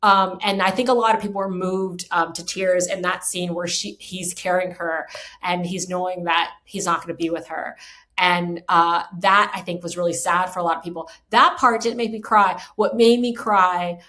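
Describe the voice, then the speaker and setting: A woman's voice: lowish voice, fairly even intonation, normal speed, sharp tone. Enthusiastic woman podcast host rambling casually. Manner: enthusiastic, rambling with many fillers; emotional, moved by film moments.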